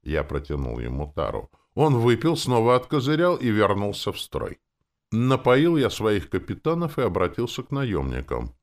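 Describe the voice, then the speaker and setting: A man narrating a first-person fantasy audiobook in a wry, expressive way. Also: on the low side, normal speed.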